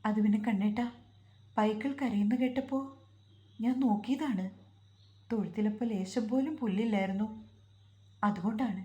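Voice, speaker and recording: A woman's voice: mid-range voice, moderate pace, long pauses, dark tone, close to an everyday voice. A woman voicing a timid young village wife who talks hesitantly and apologizes, in a roomy recording. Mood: tearful. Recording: roomy echo.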